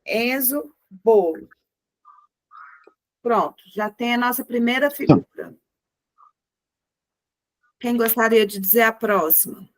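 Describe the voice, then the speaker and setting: A woman teaching a group music lesson over a video call, encouraging the class and chanting words slowly in rhythm. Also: a little high, animated, dry recording.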